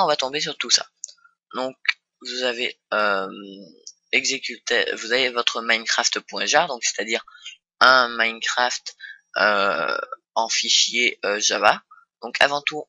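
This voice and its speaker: A young man walks viewers through a casual screen-recorded tutorial, stumbling over fillers and restarting his sentences. His voice is very bright and forward, at a middling pitch. The sound is close and dry, with no room behind it. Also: no room sound, highs cut off. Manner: hesitant, many fillers and restarts. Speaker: tutorial host.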